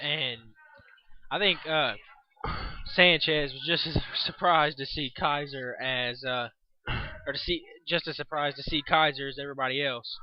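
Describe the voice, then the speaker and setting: A man providing color commentary for a wrestling radio webcast, shouting over big moments and speaking in halting bits during quieter stretches. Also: fairly high pitch, steady tone, no room sound, muffled recording. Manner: hesitant, halting chat with fillers.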